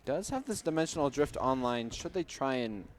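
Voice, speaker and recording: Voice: medium pitch, expressive, normal speed. A young adult calling esports play-by-play in a casual, playful, jokey way. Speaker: esports commentator. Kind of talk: casual live game commentary. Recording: faint background noise.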